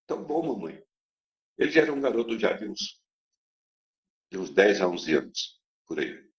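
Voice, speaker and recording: Before a congregation, a church member gives his testimony, telling a story in a dramatic, emphatic way. His voice is fairly low and sing-song, at a moderate pace. The recording is dull and lo-fi.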